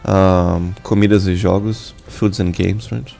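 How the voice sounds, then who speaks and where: This channel host is a young man from a Portuguese-speaking background with a Brazilian accent, offering a relaxed but halting English update full of fillers and restarts. His low voice is steady, creaky and warm, set against soft background music.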